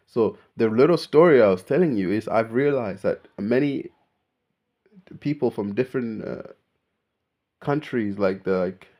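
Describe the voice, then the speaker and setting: A man's voice: medium pitch, darkish tone. Young man, casual vlog rant, slangy, emphatic. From born in Kenya, raised in Australia. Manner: slangy, emphatic, keeps saying bro. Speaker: vlogger. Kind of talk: unscripted casual monologue.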